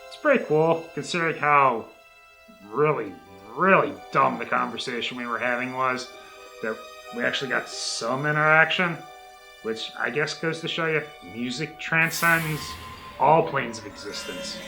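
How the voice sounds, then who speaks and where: Gravelly, bright-toned wry man. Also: medium pitch, normal speed, soft background music, low-quality recording. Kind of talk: interview commentary.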